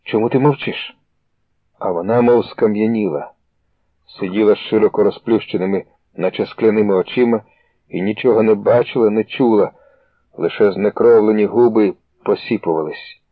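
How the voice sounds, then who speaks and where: A man narrates a story in a steady, measured way, with a low, husky voice. The sound is tinny and phone-like, dry with no room echo. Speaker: audiobook reader.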